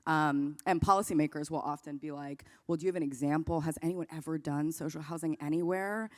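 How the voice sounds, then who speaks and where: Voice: mid-range voice, steady tone, a little fast, darkish tone. A panelist speaking candidly about organizing, with wry asides. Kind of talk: panel discussion.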